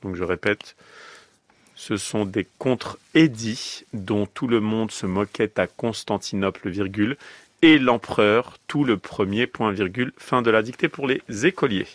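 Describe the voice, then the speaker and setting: A man reads a dictation at a very slow, careful pace, saying each punctuation mark aloud and going over every phrase again. His voice sits low. The studio sound is dry and close. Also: dry recording. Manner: dictates word by word, calling out punctuation and repeating phrases. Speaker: dictation reader. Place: radio studio.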